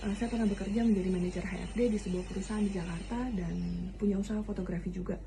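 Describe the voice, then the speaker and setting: A woman's voice: medium pitch, fairly even intonation, rapid-fire, background noise. A woman in her thirties giving an upbeat recruiting testimonial, listing her reasons one by one. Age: 30s. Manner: enthusiastic, listing reasons with "nah". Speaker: insurance agent giving a testimonial.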